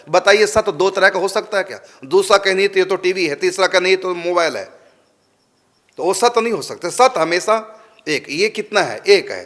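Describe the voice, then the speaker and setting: A man's voice: high-pitched, fairly bright tone. A man giving a religious discourse, answering a question and putting emphatic rhetorical questions to his listeners. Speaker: spiritual teacher.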